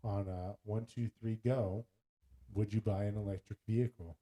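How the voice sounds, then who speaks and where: This man co-hosts a podcast, talking at normal speed in a voice on the low side. The banter is playful and jokey, and he livens up with put-on voices for quotes.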